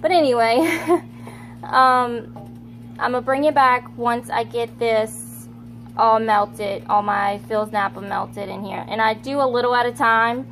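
A woman's voice: a little high, fairly even intonation, slow, a bit bright, soft background music. A woman giving a casual, rambling how-to demonstration in her home kitchen, often correcting herself as she talks into a phone camera. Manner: chatty, rambling, self-correcting. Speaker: home video maker.

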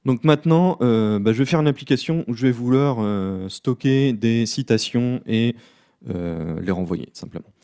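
A man giving a live coding talk at a conference, relaxed and self-deprecating, with many fillers. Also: mid-range voice, moderate pace, clean tone. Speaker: conference speaker. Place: conference room.

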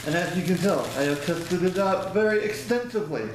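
A middle-aged vlogger with a kinda high voice rambles a little fast into his close webcam, reviewing a product in a folksy way and sometimes losing his words. He's in a small room against a plain wall. It's super echoey, with a faint hiss.

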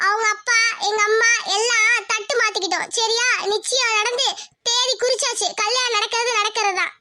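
A woman's voice: very high voice, little pitch movement, fairly quick, very noisy. A woman voicing an arrogant rich village girl in a cartoon, taunting and threatening her rival. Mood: scornful. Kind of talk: cartoon voice acting.

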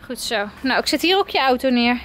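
Very high-voiced young mother vlogging. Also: expressive, brisk, noisy background. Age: 20s. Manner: coaxing, sing-song talk to a toddler, laughing often. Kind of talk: casual family vlog. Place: at home and outdoors on the street.

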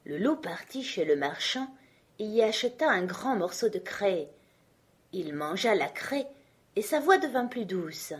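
A woman narrating a fairy tale for a children's audiobook, in an expressive, clear storytelling way. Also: medium pitch, measured pace.

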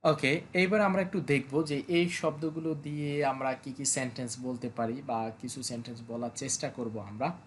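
A male language teacher slowly going through vocabulary, repeating each word several times and explaining how to pronounce it. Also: mid-range voice, fairly even intonation, a little hiss or hum. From Bangladesh. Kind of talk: vocabulary lesson, explaining pronunciation. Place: language school classroom or study.

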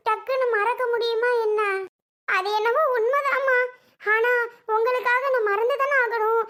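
A woman's voice: very high-pitched, a bit bright. A woman playing a guilt-ridden grown daughter who pleads with her father in a home-made family drama skit. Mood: tearful. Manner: pleading, repetitive.

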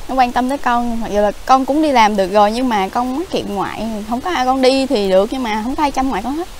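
A woman's voice: a little high, fast talker, a little hiss or hum. A young woman, shy and polite, answering in short replies. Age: young adult. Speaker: granddaughter being interviewed.

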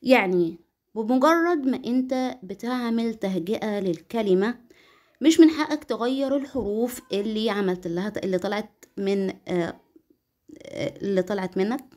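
A middle-aged woman with an Egyptian Arabic accent, explaining a lesson to children as an English teacher, patient and slow when she says English phrases. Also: medium pitch, a little mellow. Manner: patient, speaks English phrases slowly and clearly.

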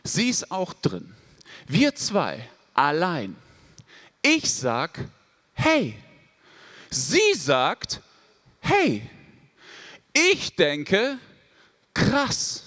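A male stand-up comedian telling stories with deadpan punchlines. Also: on the high side. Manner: deadpan storytelling, quick punchlines.

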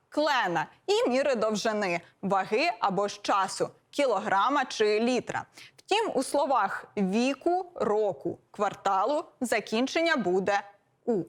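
Female presenter, scripted lesson, measured, slightly high voice. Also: animated. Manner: measured, listing examples one by one. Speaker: philologist presenter. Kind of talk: scripted educational explanation.

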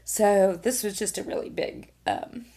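A woman's voice: mid-range voice, steady tone, measured pace, mellow, a little hiss or hum. A middle-aged woman vlogging casually in a hotel room, rambling and interrupting herself as she goes. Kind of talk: casual vlog chat. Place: small hotel room, indoors.

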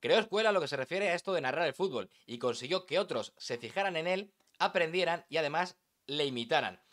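This sports-narration teacher talks fast and animatedly, his pitch fairly high and his tone fairly bright. Delivering a voice-over lesson, he speaks to the listener directly with emphatic, dramatic flair.

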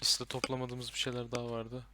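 A young man playing a horror game with a friend, commenting and swearing loudly at the enemies. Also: medium pitch, completely flat delivery, a little fast, noisy background. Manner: loud, swearing, yelling at enemies. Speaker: gaming YouTuber.

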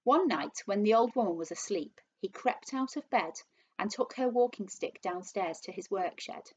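A teacher reading a children's book aloud to her class, with expressive storytelling. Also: medium pitch, moderate pace, lo-fi sound, slight background noise.

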